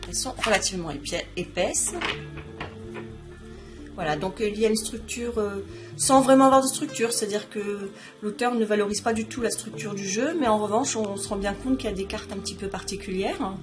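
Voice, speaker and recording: A woman talks through a card deck review in a relaxed, chatty vlog style, explaining each item as she shows it. Her voice sits at an ordinary middle pitch. Clear music plays behind her the whole time. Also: fairly quick. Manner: chatty, explanatory, showing items to camera. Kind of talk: casual product review vlog.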